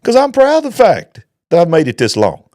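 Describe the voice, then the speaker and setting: A man's voice: on the high side, huge pitch swings, a little fast, darkish tone, dry recording, studio quality. A man, a pastor and show host giving emphatic, preacher-like commentary. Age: 50s. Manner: emphatic, preacher-like, rising to exclaim. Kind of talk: opinionated commentary.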